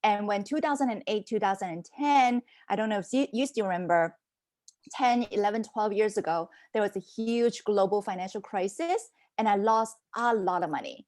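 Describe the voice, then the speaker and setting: Raised across Hong Kong and Canada, this woman in her forties now mentors businesses, and here she tells her life story on a podcast. The casual interview is animated and conversational, her voice mid-range and her pace normal.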